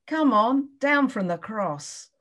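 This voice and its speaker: A woman's voice: on the high side, lively intonation, slow, fairly bright tone. A woman playing a jeering scornful passerby. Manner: jeering, taunting. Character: scornful passerby mocking a condemned man. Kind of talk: dramatized scripture reading.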